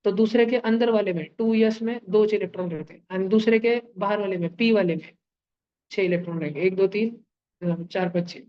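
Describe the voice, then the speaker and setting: A man's voice: high-pitched, normal speed. Playful male chemistry teacher, lo-fi. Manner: playful, uses sound effects and homely analogies; keeps checking with students through questions. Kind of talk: live online class lecture.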